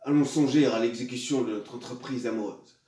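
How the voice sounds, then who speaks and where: A man's voice: mid-range voice, brisk, dark tone, close to an everyday voice. A man playing a suave, hypocritical nobleman seducer in classical French theatre, declaiming in a pompous, hammy stage manner. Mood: grandiose, scheming. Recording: echoey room, far from mic.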